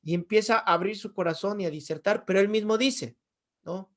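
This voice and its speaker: A man's voice: high-pitched, a little fast, a bit bright. A middle-aged man teaching a theology class, asking his students rhetorical questions and answering them himself. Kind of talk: Bible class lecture.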